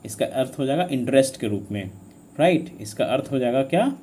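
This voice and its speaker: A man teaching a grammar lesson for exam students, with a voice that rises and falls a lot. He keeps asking "what should it be?" and answers it himself, repeating each key word. His tone is mellow, and faint noise sits behind him. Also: mid-range voice, lively intonation, brisk. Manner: asks students questions then answers them; repeats key words for emphasis.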